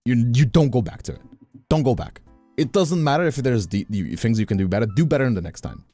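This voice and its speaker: On a livestream, a male streamer and host rambles casually and emphatically, repeating phrases as he goes. His mid-range voice is mellow and lively in intonation, and he talks fast. A close studio condenser mic picks him up over soft background music.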